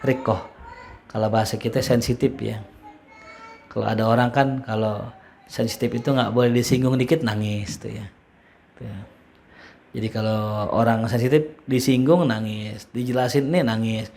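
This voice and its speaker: A man's voice: mid-range voice, darkish tone. A man giving a casual Islamic study lecture, joking and quoting Arabic phrases before explaining them. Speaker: ustadz teaching a religious study class.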